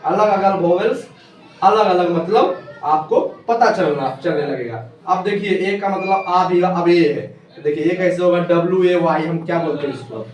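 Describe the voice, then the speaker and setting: A man teaching English pronunciation at a board, spelling words out letter by letter and slowing down for English phrases. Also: sits high. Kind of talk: whiteboard lesson explaining pronunciation. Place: classroom with a board. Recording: echoey room, voice from far off, faint noise.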